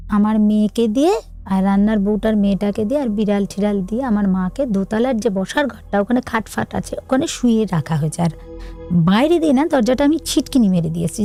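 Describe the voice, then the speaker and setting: A woman, telling her own true ghost story in an earnest, halting, hushed way. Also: mid-range voice.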